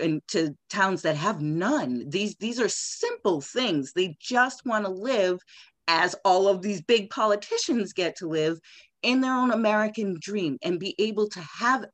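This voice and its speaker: A woman's voice: fairly low pitch, no room sound. A woman political candidate speaking emphatically in an interview. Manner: animated, emphatic, quick bursts. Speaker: congressional candidate, guest. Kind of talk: conversational interview.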